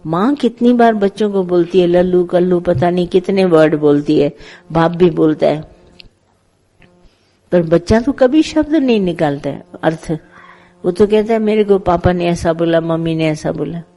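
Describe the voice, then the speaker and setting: Woman, spiritual teacher, warm mellow tone, chatty instructive sermon delivery with parables. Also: lowish voice, normal speed. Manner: conversational, gently instructive, tells parables with acted dialogue. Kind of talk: satsang sermon.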